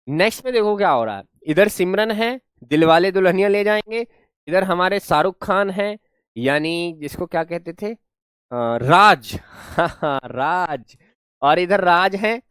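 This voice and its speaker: A man's voice: high-pitched, smooth, dry recording, studio quality. A man teaching an online class, explaining words playfully, repeating his questions and praising his students.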